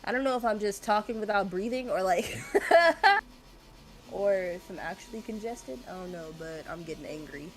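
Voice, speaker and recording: Chatting casually while she streams a game, a woman rambles and hesitates, laughs often, and sounds a bit congested. Her voice sits at medium pitch and moves at a moderate pace.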